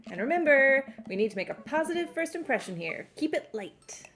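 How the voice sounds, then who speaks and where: A woman's voice: sits high, big pitch swings, fairly quick, a bit bright, slight background noise. A woman voicing a wry teenage daughter in a dating game, with dry, teasing remarks.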